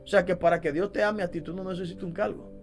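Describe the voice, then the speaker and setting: A man's voice: sits high, fairly even intonation, quick pace, soft background music. A man preaching a sermon as a deliverance minister, emphatic and fond of rhetorical questions.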